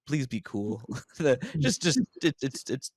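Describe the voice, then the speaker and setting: A man's voice: mid-range voice, lively intonation, measured pace, dry recording, clean studio sound. A man in casual podcast chat, stumbling over words but emphatic.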